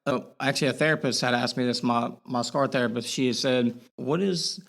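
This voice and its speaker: A young man with a Boston accent, a guest on a casual podcast. He speaks candidly in a mid-pitched voice, stopping and restarting his sentences as he thinks. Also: fairly even intonation, a bit bright. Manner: candid, halting, many restarts.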